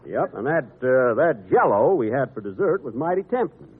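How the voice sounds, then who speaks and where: An actor playing a folksy, mild-mannered desert cabin husband in 1940s radio comedy style. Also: male voice, mid-range voice, sing-song, moderate pace, slightly rough. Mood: folksy, content. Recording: narrow, noisy 1940s radio broadcast.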